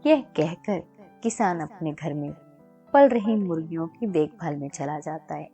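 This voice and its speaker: A woman storyteller giving scripted narration of a children's moral story in a steady, even-toned reading. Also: low voice, unhurried, soft background music.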